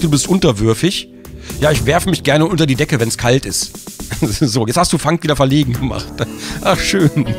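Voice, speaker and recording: A playful man chatting on a live stream, his voice bouncing up and down and sitting a little high. He teases his chat and laughs easily. Game music plays under him.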